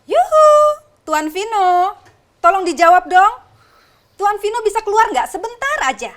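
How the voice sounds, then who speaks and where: Fussy, chatty Annabella. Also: female voice, extremely high pitch, very animated, normal speed, slight background noise. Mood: coaxing. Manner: dramatic, fussing. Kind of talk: TV soap opera acting.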